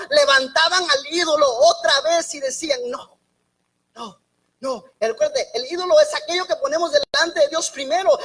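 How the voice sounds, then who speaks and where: A woman preaching a sermon in a halting way, often repeating and restarting words, with joking asides. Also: sits high, fairly bright tone, low-quality recording.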